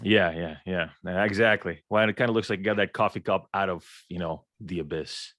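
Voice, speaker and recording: A man's voice: low-pitched, a little fast, fairly bright tone, dry recording. Stammering, joking man moderating. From Ukraine. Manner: stammering, joking, many repeated words. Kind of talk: casual panel chat.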